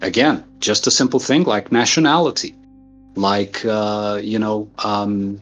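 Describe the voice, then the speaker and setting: A man's voice: fairly low pitch, fairly even intonation, a little slow, soft background music. A man from Portugal, earnestly explaining ideas at length with everyday examples in a casual philosophical conversation. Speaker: guest thinker.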